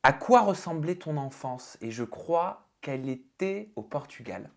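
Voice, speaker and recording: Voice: mid-range voice, expressive, unhurried, gravelly. An interviewer hosting a friendly, probing conversation with a young guest. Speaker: interviewer host.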